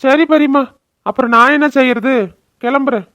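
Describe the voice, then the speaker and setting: A woman's voice: high voice, steady tone, normal speed, fairly bright tone, dry recording. A woman voicing an eager, respectful young village man who runs errands in a cartoon. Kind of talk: cartoon voice acting.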